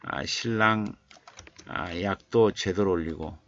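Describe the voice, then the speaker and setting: A man's voice: sits low, fairly bright tone, dry recording, dull audio. A male writing instructor reading a viewer's essay aloud on a live stream, repeating phrases and adding murmured "yes" asides as he edits. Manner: slow halting reading, repeating phrases while editing.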